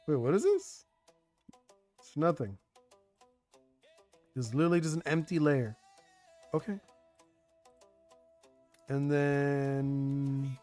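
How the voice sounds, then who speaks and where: Slightly high in pitch but dark in tone, a young man who grew up speaking Spanish chats on a live stream while designing a card game. His talk rambles, packed with "like" and restarts, and faint music can be heard behind him.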